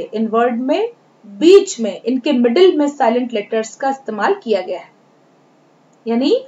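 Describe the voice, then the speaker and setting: A woman's voice: high voice, darkish tone. A woman teacher with an Indian accent giving a pronunciation lesson to children, spelling out each word letter by letter and repeating it. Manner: slow, spells words letter by letter and repeats them. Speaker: English teacher. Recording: dull lo-fi recording.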